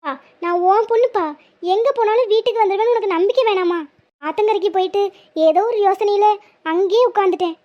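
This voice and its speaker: A woman voicing a sweet, devoted young village woman in a cartoon, in a high, soft, girlish voice. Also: fast. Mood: pleading. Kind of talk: cartoon voice acting. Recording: slightly muffled lo-fi audio.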